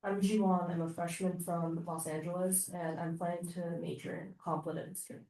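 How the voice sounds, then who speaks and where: A woman's voice: fairly low pitch, level tone, a little fast, mellow. A young female student tells a story in class, casual with many fillers. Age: young adult. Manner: casual, lots of "like". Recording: echoey room, from a distance.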